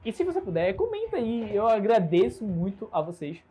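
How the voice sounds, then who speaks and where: A young man in his twenties from Recife, Brazil, livestreams alone from his bedroom as an entrepreneur hosting his own channel, speaking with a Recife Brazilian Portuguese accent into a smartphone camera. His high-pitched, husky, dark-toned voice swoops wildly in pitch at a moderate pace. He chats casually and earnestly, upbeat and self-assured, with many gestures.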